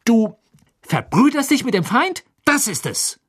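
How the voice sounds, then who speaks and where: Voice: medium pitch, sing-song, moderate pace, breathy edge, voice pushed up. Ron, a sneering jealous schoolboy. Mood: jealous taunting. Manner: mocking, heated. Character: teenage boy wizard, jealous and sneering. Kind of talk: audiobook character voice.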